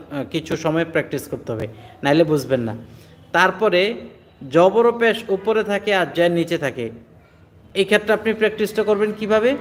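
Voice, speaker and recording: Patient male Quran teacher drilling sounds. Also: high-pitched. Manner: patient, repetitive, drills letter sounds aloud. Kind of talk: online Quran reading class.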